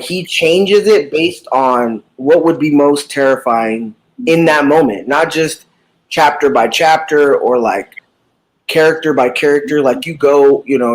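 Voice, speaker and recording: A man's voice: mid-range voice, low-quality recording. A man in a casual live book chat, talking animatedly about a book, with frequent swearing and lots of fillers. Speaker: book discussion participant.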